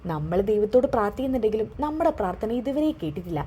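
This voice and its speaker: A woman's voice: mid-range voice, very animated, racing, warm tone, a little hiss or hum, close to an everyday voice. A woman voicing a scheming middle-aged mother who gloats and plots with her son. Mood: gloating. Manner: gloating, conspiratorial.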